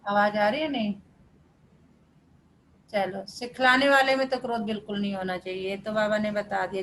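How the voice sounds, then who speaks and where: Woman with a gravelly voice teaching an online class. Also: mid-range voice, a bit bright, a little hiss or hum, rough recording. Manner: explains patiently with everyday examples, code-switching into English words. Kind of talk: explaining a scripture reading to an online class.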